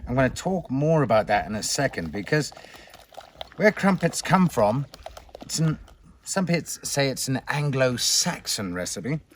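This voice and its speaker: A man hosting a cooking demonstration, talking in a showy way and swinging between loud announcements and hushed asides. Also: mid-range voice, sing-song, a little slow, a little hiss or hum. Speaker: cooking show host.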